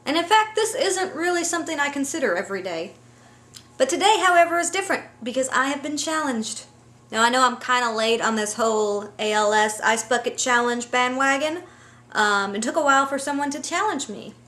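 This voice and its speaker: Higher-voiced woman vlogger talking casually. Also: pushed and bright. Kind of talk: casual talk to camera.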